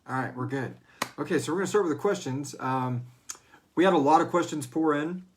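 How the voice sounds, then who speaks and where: A man with a slightly high voice speaks fairly quickly while hosting a casual livestream chat. Jokey and rambling, he sometimes mutters as he sets things up; he's the host and co-creator of a horror audio drama.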